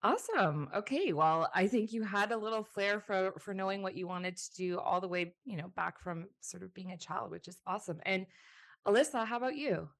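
A woman's voice: medium pitch, expressive, fairly quick, vocal fry. A woman hosting an interview podcast, reading introductions and asking questions with upbeat enthusiasm. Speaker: podcast host.

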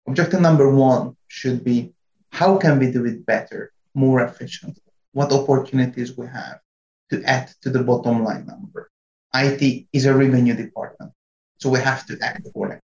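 A middle-aged man from Hungary, a company IT chief answering interview questions in a measured, slightly halting way. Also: mid-range voice, a little mellow. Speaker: guest, company CIO. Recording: roomy, dull-sounding remote line.

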